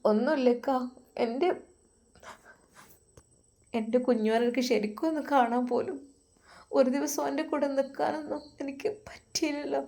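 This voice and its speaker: A tearful young wife pleads hesitantly in a soft, quiet voice, as a woman puts her on. The voice is pitched higher than the performer's own and a little hushed, with a Malappuram Malayalam accent. It is a storytelling performance. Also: steady tone, moderate pace, creaky, long pauses. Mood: worried. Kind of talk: storytelling voice acting.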